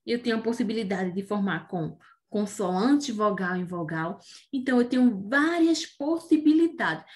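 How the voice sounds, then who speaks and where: A Brazilian primary school teacher with a fairly high, somewhat dark voice gives a remote reading lesson to young children. She is slow and patient, sounding out words syllable by syllable and asking "né?" or "não é?" after most points.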